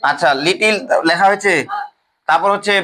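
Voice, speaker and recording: Male teacher, high bright voice. Classroom lecture, spells things out, keeps checking the class follows. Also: brisk, a little hiss or hum, poor audio. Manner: repetitive, checks often with the class, spells out letters. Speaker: English grammar teacher.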